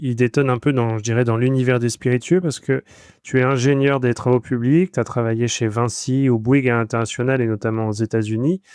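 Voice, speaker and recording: A man's voice: medium pitch, darkish tone, smooth, dry recording, studio quality. A man hosting a podcast interview, asking long and detailed questions. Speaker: podcast host.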